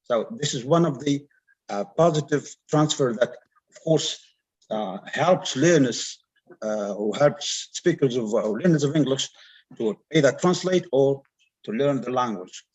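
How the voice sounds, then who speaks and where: Male academic panelist, North African (Algerian) accent, native Arabic speaker, slightly husky voice, explaining with examples, halting delivery. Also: mid-range voice, expressive, darkish tone, rough recording. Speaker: conference panelist.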